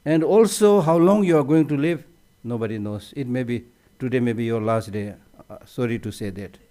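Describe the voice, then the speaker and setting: Mellow-voiced man giving a Buddhist teaching. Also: medium pitch, moderate pace. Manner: conversational, repeats words as he restarts. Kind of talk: conference teaching talk.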